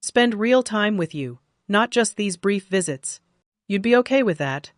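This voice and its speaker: A woman's voice: medium pitch, lively intonation, measured pace, no echo, studio quality, close to an everyday voice. A woman reading the lines of a caring young male doctor, a husband who speaks eagerly and tenderly.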